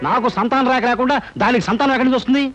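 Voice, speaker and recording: An actor playing a cheeky, scheming young man in a film comedy, with quick, wisecracking delivery. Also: very high voice, fairly bright tone. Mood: indignant. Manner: quick, wisecracking, mock-groaning. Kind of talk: 1980s film comedy acting. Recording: dull old film soundtrack, music behind.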